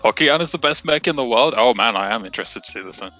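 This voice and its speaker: A man's voice: mid-range voice, lively intonation, quick pace, pushed and bright, soft background music. A British man casting a live esports match, chatty and self-mocking. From Britain. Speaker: esports caster.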